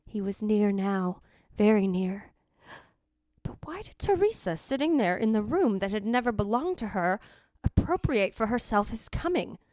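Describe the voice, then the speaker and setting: A woman with a medium-pitched, sing-song, slightly mellow voice close to an everyday voice speaks at normal speed in clean studio sound with no room sound. She plays the yearning, possessive ghost of a dead wife, narrating formally in old-time radio drama style with a literary, theatrical delivery.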